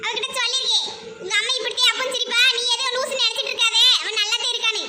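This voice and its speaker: High-pitched quick Tirunelveli woman. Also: fairly even intonation. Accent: Tirunelveli Tamil. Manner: teasing, bickering. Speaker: voice actor. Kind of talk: cartoon comedy voice acting. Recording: loud background noise.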